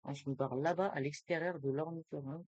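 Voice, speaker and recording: A young man giving live gameplay commentary, excitable and full of street slang, swinging between muttering to himself and yelling. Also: on the high side, fast, highs cut off. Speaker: gaming streamer.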